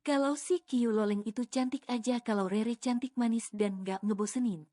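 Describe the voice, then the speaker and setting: Woman narrator for a romance audio novel, mellow and a bit high, even delivery with chatty asides. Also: normal speed. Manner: even storytelling with casual colloquial asides.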